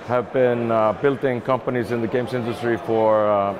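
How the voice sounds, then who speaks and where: Over the noise of a busy event crowd, a middle-aged man from Iceland, a game publishing executive, answers interview questions casually. He thinks aloud and repeats words, speaking at a medium pitch and moderate pace with fairly even intonation, and the recording sounds muffled.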